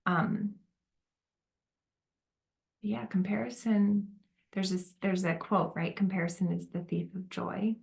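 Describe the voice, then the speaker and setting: A woman facilitating a group discussion on motherhood, gentle and validating, with many fillers. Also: mid-range voice, steady tone, slow pace, gravelly, long pauses. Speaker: workshop facilitator.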